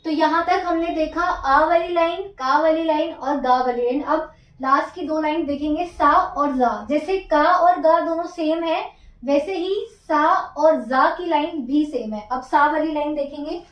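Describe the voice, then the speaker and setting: A woman's voice: high-pitched, unhurried, roomy sound. A woman teaching Japanese script, counting out each stroke in a patient, stepwise way. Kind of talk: slow stroke-by-stroke writing lesson.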